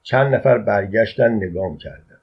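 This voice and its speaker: A man narrating a short story aloud in a calm, conversational storytelling way. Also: lowish voice, breathy edge. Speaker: audiobook narrator. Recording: dull lo-fi recording.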